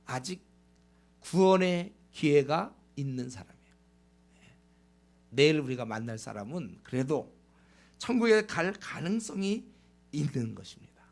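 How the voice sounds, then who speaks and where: A man's voice: fairly high pitch, very animated, a little slow, vocal fry, pauses often. A male pastor preaching a Sunday sermon with passion, sometimes acting out imagined conversations. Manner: impassioned preaching, acts out dialogue.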